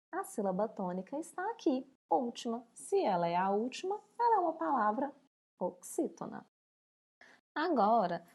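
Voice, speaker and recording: A woman's voice: fairly high pitch, darkish tone. A Brazilian woman teacher giving a recorded lesson to young pupils, stretching out words syllable by syllable. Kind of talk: recorded remote school lesson.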